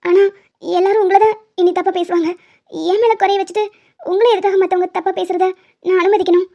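A woman voicing a gentle, self-blaming young wife in an animated drama, speaking softly and pleadingly. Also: very high-pitched, a little fast. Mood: tearful. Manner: soft, pleading. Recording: dull lo-fi audio.

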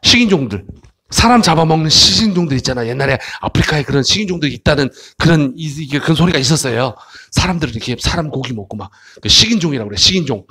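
A man who teaches English to children in a playful, joking way, mixing explanation with slow English phrases. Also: a little high, lively intonation, pushed and bright, breathy edge. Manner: playful, jokey, switches between Korean explanation and slow English. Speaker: English tutor. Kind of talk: animated English lesson for children.

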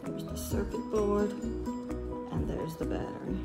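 A woman's voice: medium pitch, roomy sound, loud music behind the voice, low-quality recording. Casual woman fixing something in her kitchen. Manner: relaxed, talks while working with her hands, trailing pauses. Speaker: DIY vlogger. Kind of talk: casual how-to demonstration. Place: home kitchen, indoors. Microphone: camera mic across a counter.

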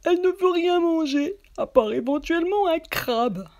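A woman's voice: very high-pitched, lively intonation, normal speed, darkish tone, lo-fi sound, pitched above the performer's own voice. A woman voicing an anxious male jackal in a children's storybook, pleading about his sick wife. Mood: worried. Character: worried male jackal, husband.

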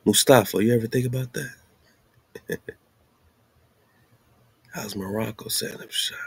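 In a dry recording, a male host talks unhurriedly in a medium-pitched, creaky, husky voice. His slangy, informal monologue accompanies on-screen maps and documents. He leans on rhetorical questions and repeats phrases to drive points home.

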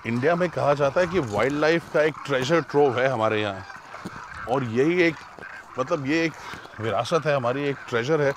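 A middle-aged man hosting a travel show outdoors, earnest and sometimes hushed, speaking on a lapel mic with bird calls and outdoor noise behind him. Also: mid-range voice, normal speed. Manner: earnest, hushed at times, moralizing. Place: outdoors at a desert bird site. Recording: outdoor noise, birds calling.

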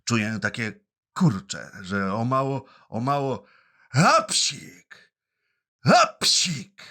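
Gruff bearded giant puppet-show boss, hoarse and booming, read by a man. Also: slow pace. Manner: loud shouting orders, sneezes.

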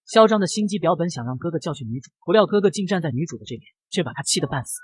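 Fast, lively male story narrator. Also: fairly high pitch, breathy edge, no echo. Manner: brisk, dramatic storytelling. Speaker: comic recap narrator.

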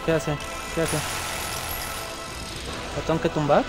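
Young Mexican streamer, high-ish voice, jumpy and loud over game music. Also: male voice, slow, rough recording. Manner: excitable, frequent outbursts and slang. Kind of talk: live gameplay commentary.

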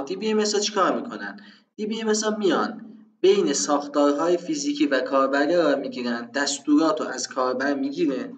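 A man's voice: mid-range voice, muffled recording. Man teaching databases in an echoey room. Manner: conversational, rhetorical self-questions, frequent fillers. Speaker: programming instructor. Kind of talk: screen-recorded tutorial explanation.

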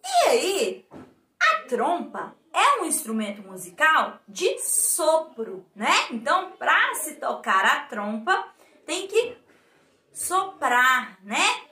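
A woman with a Brazilian accent, a preschool teacher telling a story to small children, animated and asking them questions. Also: sits high, slow pace. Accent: Brazilian Portuguese. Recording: echoey room.

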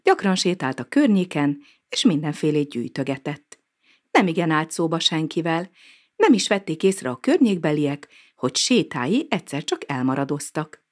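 A woman narrating a children's storybook aloud in an expressive, sing-song manner. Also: low-pitched.

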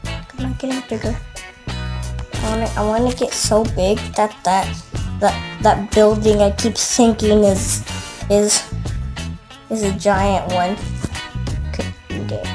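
A woman giving chatty, excitable commentary while playing a video game and talking back to it. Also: mid-range voice, slow pace, pauses often. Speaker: gameplay video creator. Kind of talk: casual gameplay commentary. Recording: loud game music behind the voice. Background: game music.

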